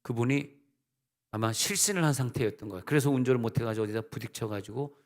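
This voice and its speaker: The preacher is a middle-aged man, a senior pastor, whose medium-pitched voice is fast and a little mellow. He builds to emphatic rises and slips in conversational asides during the sermon. Long reverb from the sanctuary hangs on the sound.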